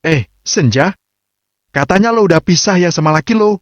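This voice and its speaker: A man voicing a group of excited, gossipy young women friends, on a dull, dry recording. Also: sits high, normal speed, dry recording, voice pushed up.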